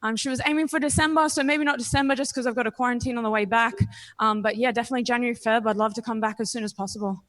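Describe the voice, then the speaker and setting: A young Australian woman speaks as a fighter in a post-fight interview, her voice pitched a little high. She is confident and frank, talking casually and thinking aloud between ums. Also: fairly even intonation, rapid-fire, fairly bright tone. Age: 20s. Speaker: professional MMA fighter.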